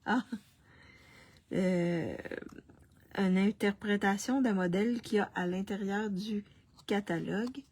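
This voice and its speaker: A woman, hosting a live card-making demonstration, talking slowly with many restarts and coughing through a frog in her throat. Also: mid-range voice, a little mellow, breathy edge. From Canada. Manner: slow, halting, with many restarts and fillers. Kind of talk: casual live craft demonstration.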